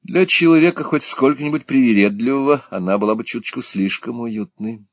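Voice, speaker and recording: A man's voice: mid-range voice, a little fast, no room sound, voice pushed up, close to an everyday voice. A man doing a naive young playwright. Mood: explaining.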